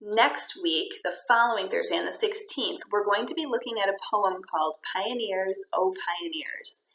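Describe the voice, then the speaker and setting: A woman's voice: mid-range voice, normal speed, creaky, a bit bright. A woman teacher giving a poetry lesson, explaining step by step and encouraging her students. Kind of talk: recorded classroom lesson. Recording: roomy, dull lo-fi sound.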